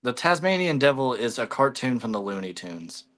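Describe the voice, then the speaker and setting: A man's voice: medium pitch, big pitch swings, normal speed, a bit bright. A man hosting a casual livestream chat, telling rambling stories and swearing freely. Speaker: livestream host.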